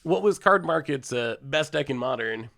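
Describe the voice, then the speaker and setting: A man streams a card game live, chatting casually with viewers, laughing often, and thanking chat subscribers while he plays, sounding a bit congested from a cold. His voice is medium-pitched, expressive, and fairly bright with vocal fry, delivered at a normal speed.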